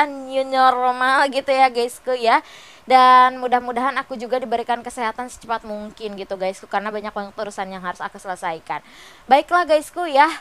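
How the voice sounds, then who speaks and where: A young woman from West Java chats to her followers while lying sick in bed. Her voice is nasal and stuffed up, sitting a little high, yet it stays clear and smooth. She rambles in a friendly, casual way, filling her sentences with little filler words. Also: a bit bright. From West Java, Indonesia. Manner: chatty, peppered with fillers. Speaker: vlogger. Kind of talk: casual chatty vlog. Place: bedroom, on a bed.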